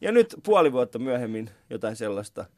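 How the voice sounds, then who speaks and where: A man's voice: mid-range voice, big pitch swings, a little mellow, no room sound. A man hosting a casual morning radio chat show, telling stories about himself in a chatty, self-mocking way from a studio. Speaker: radio talk show host.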